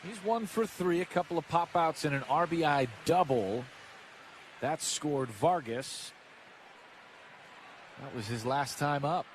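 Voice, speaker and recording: Calling baseball play-by-play live on the radio, an American man speaks on the high side at a measured pace, leaving long pauses. He's in a stadium booth, and clear ballpark ambience fills the background.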